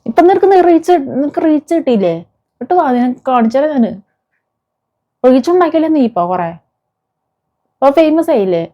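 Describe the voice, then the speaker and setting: This video commentator is a woman with a Kerala Malayalam accent, animated and brisk in a high voice, leaving long pauses. Her informal commentary is indignant, scolding viewers with rhetorical questions. The sound is muffled and dull, lo-fi.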